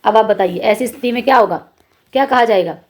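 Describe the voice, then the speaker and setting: A woman teaching a school lesson, patiently explaining exercises, slowing down to repeat examples and asking her students questions. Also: fairly high pitch. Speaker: Hindi teacher.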